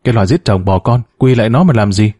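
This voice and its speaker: A man reading a story, voicing a furious middle-aged woman with a sharp, scolding tone. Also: fairly low pitch, animated, fast talker, husky, no room sound, studio quality.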